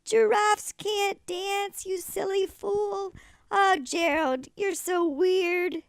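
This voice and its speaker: A woman voicing scornful jungle animals in a children's storybook, loud and mocking with drawn-out words. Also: extremely high pitch, steady tone, creaky, no room sound, studio quality, pitched above the performer's own voice, exaggerated voice. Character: jeering, scornful crowd of jungle lions and animals. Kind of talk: children's storybook read-aloud.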